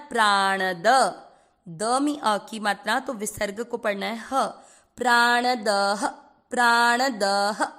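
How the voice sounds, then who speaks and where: Brief: woman, recitation teacher, high voice, slow and patient, syllable by syllable, some English words mixed in. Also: a bit bright. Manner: breaks words into syllables, then chants them slowly; mixes English words into Hindi. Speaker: Sanskrit pronunciation teacher.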